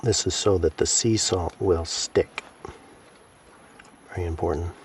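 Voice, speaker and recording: A man casually narrating his camp cooking outdoors by a creek, chatting to himself and his animals in a relaxed way. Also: low voice, measured pace, slight background noise.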